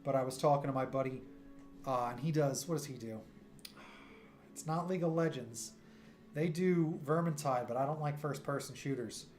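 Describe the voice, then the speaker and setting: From his home streaming room, a thirtysomething New Yorker with a mid-range voice talks at a normal pace while broadcasting his art live. The chat is rambling, animated and easygoing, with plenty of jokes at his own expense, and soft synth music plays underneath.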